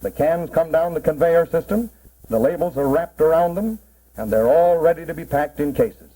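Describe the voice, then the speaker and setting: A man's voice: a little high, normal speed, mellow, lightly acted. A man narrating a 1940s promotional film as a cannery guide, in a plain, instructive mid-century style. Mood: explanatory. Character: cannery man proudly explaining the packing process. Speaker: narrator explaining a cannery tour. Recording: muffled, worn 1940s film soundtrack.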